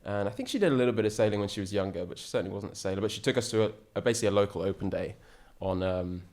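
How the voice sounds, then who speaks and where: Deep-voiced man, chatty guest. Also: rapid-fire, darkish tone. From England. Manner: enthusiastic, rambling with frequent restarts. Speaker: podcast guest, ocean sailor. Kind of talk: casual interview chat.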